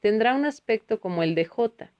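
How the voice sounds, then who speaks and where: A woman's voice: a little high, expressive, fairly quick, lo-fi sound, lightly acted. A woman voicing a kindly male spiritual teacher who explains patiently in a read-aloud book.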